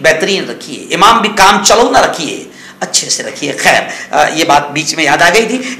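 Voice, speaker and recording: Speaking in an informal, sermon-like style about the news, this Indian cleric has a high, bright male voice with an echo. His tone is scolding and exhortative yet conversational, full of repeated points and rhetorical questions.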